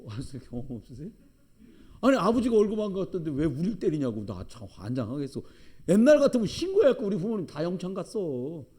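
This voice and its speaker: A man's voice: a little high, big pitch swings, quick pace, warm tone, slightly rough. A middle-aged man preaching a sermon as pastor in a church, with emphatic, joking storytelling. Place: church sanctuary.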